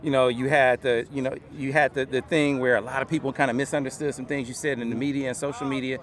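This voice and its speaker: A man's voice: medium pitch, little pitch movement, fast. A man conducting a casual sports interview outdoors, asking friendly conversational questions. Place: outdoors at a youth football camp.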